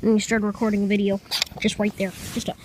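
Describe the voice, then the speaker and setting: A woman telling an improvised comic story in a rambling, deadpan way. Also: mid-range voice, quick pace, noisy background.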